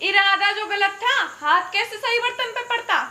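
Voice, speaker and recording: An actress playing a harsh young daughter-in-law who speaks in a cold, accusing, sarcastic way in an audio drama. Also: female voice, very high-pitched, normal speed, bright, forceful tone, heavily acted. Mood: scornful. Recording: roomy voice over background music.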